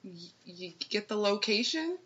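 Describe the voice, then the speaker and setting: Twenties woman, animated and giggly in casual chat; expressive pitch, lo-fi recording. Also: moderate pace. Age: 20s. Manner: animated, laughs a lot, says "like" often.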